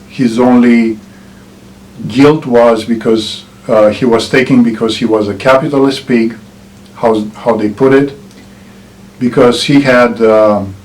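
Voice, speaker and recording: A middle-aged man from Romania with a Romanian accent, giving earnest political commentary to camera and pausing often with "uh" and "um". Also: mid-range voice, a little mellow, slight background noise, poor audio. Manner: earnest, with frequent "uh" and "um" pauses. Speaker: channel host.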